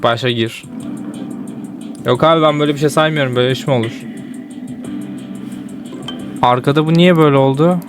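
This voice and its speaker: Young male gaming streamer, slightly high voice, excitable running commentary over faint guitar music. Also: fairly quick, pauses often. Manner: excitable, exasperated outbursts. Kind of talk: casual gameplay commentary.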